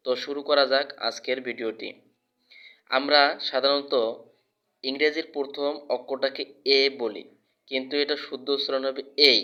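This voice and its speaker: A man teaching English letter sounds, speaking slowly and repeating each example word louder. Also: medium pitch, steady tone, muffled recording. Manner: slow, drills example words by repeating them louder. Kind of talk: spoken language lesson.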